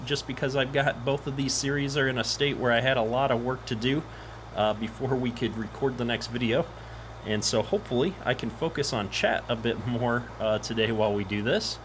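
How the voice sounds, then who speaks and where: Guy chatting on a game stream, echoey office, average pitch, engine noise in background. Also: fairly bright tone. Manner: easygoing, chatty greetings to viewers. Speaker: live stream host. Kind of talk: casual live game stream chat.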